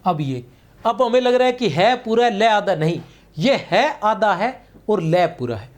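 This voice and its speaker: A man with a high, very animated voice teaches an exam-prep grammar class at a slightly slow pace. He explains patiently and repetitively, stretching out key words as he writes them on the board, and keeps checking in with students with frequent "theek hai na."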